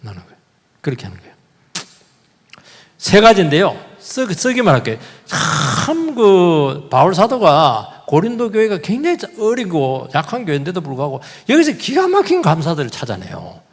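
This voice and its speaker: A male pastor preaching a sermon in a church, animated, repeating key words and putting questions to the congregation. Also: high-pitched, moderate pace, big-room sound. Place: church sanctuary.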